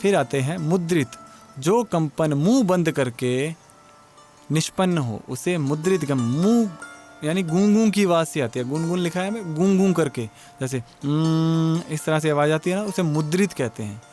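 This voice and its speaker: A man's voice: a little high, lively intonation, normal speed, darkish tone. Hindi man lecturing on music theory. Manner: explanatory, asks and answers own questions. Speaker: music teacher. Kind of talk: exam-prep lecture.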